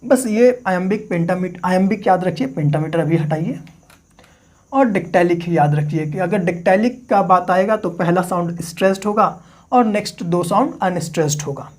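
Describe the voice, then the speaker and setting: Male literature teacher, lecture delivery; poses questions and answers them himself, repeats key terms slowly for dictation. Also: high-pitched. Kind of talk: classroom-style lecture.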